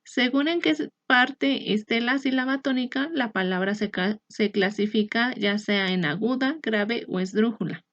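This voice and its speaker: Woman teacher explaining slowly and clearly, kinda high voice, dull muffled audio. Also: fairly bright tone, no echo. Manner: clear, measured explaining with occasional restarts. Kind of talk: recorded online lesson. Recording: dry, slightly muffled recording.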